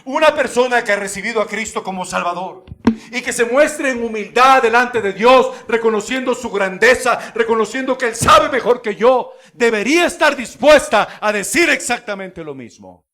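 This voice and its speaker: A man pastor preaching a sermon in a church, with emphatic delivery that swings from hushed asides to shouted exclamations. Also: very high-pitched, expressive, normal speed, a little hiss or hum. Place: church sanctuary.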